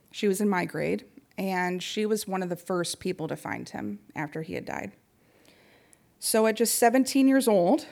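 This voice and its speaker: Woman with a creaky voice giving a talk. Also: on the low side, a little mellow. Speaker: speaker giving a talk on grief support. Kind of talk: prepared public talk.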